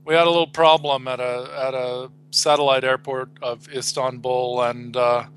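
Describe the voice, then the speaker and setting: A man's voice: mid-range voice, little pitch movement, moderate pace, fairly bright tone, a little hiss or hum. A middle-aged man on a phone line, chatting as a guest and telling stories in a dry, wry way. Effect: heard over a phone line. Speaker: guest commentator. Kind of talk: casual chat.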